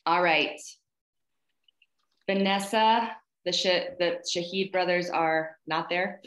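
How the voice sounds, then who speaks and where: A woman in her thirties leads a student poetry reading via video call in a plain indoor room, praising and encouraging as she goes. She speaks slowly in a lowish, slightly bright voice, and the room is reverberant.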